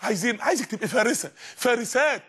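A man's voice: very high-pitched, expressive, very fast, fairly bright tone, slightly rough. A man preaching with an Egyptian Arabic accent, fervent and emphatic, raising his voice at times. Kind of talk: energetic religious lesson.

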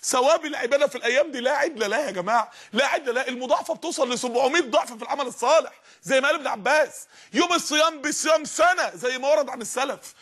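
A man's voice: very high voice, racing, a bit bright. A man preaching with an Egyptian Arabic accent, fervent and emphatic, raising his voice at times. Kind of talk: energetic religious lesson.

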